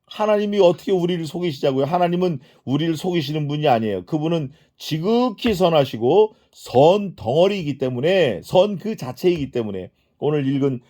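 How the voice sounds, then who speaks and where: Brisk and animated with few pauses, the middle-aged pastor delivers an expository sermon in a fairly high, mellow voice. He questions the congregation, answers himself, and acts out the prayers and speech he quotes.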